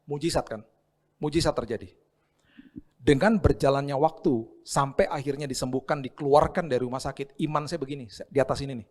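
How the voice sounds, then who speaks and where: A middle-aged man delivers a sermon in a relaxed, conversational way. He mixes English phrases into his talk. When he acts out dialogue, his voice leaps up high. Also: brisk. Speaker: pastor.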